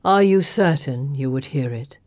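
A woman voicing an ancient, sorrowful serpent-haired female creature, the last of her kind, telling her story slowly and gravely. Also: a bass voice, lively intonation, a little mellow, no echo, clean studio sound, pitched below the performer's own voice. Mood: solemn. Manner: slow, grave, weary storytelling.

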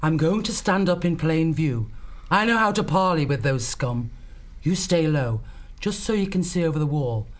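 A man's voice: on the high side, lively intonation, moderate pace, voice pushed up, close to an everyday voice. A commanding mother badger, as a male narrator puts her on, talking firmly in a slightly raised voice. She is protective and brooks no argument, a figure from an animal storybook. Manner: firm, commanding.

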